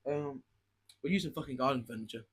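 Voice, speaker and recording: A young man co-hosting a casual podcast at home, ranting excitably and swearing constantly into a cheap mic. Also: mid-range voice, quick pace, husky. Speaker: podcast co-host. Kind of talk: casual chat. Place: home room with garden furniture. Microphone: cheap budget mic.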